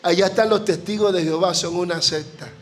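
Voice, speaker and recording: A Panamanian man preaches with fervor in a very high voice and keeps pushing toward shouted peaks. He is a guest preacher in front of a church congregation. Faint music sits underneath him. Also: steady tone, a little fast. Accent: Panamanian Spanish. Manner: fervent, often shouting, rising to emotional peaks. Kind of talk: impassioned sermon.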